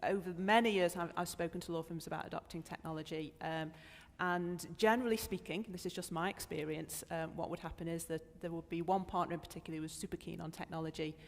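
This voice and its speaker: A woman's voice: lowish voice, steady tone, fast. A woman on a legal panel drawing on long experience to explain how firms adopt technology. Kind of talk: panel discussion. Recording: reverberant conference hall.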